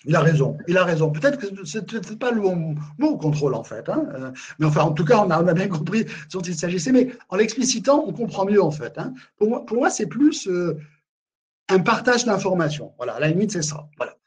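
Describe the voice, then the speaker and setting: On a video call, a man presents a live management webinar in a slightly high, husky voice. He speaks emphatically with a brisk, sing-song lilt, stumbling, repeating words, and often tacking filler phrases onto his sentences.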